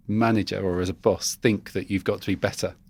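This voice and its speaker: A man hosting a podcast interview, measured and encouraging, often affirming his guest. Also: sits low, fairly even intonation. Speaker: podcast host. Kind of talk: interview conversation.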